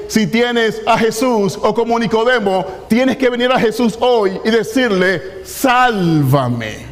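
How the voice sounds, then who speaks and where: A man preaching an impassioned sermon as pastor, building to emphatic peaks and dropping to hushed appeals. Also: high voice, in a large hall. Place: large church sanctuary.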